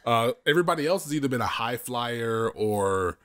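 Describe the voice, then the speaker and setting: A man's voice: mid-range voice, animated, moderate pace, a bit bright. Rambling male wrestling podcast host. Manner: rambling, restarts, swears casually. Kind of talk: casual wrestling predictions chat.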